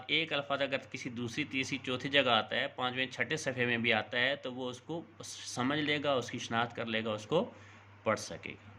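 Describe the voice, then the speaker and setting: A man teaching reading, spelling out letters slowly and methodically in an instructional lesson. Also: mid-range voice, pushed and bright, a little hiss or hum. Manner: slow, spelled-out letter drills. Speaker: Urdu teacher.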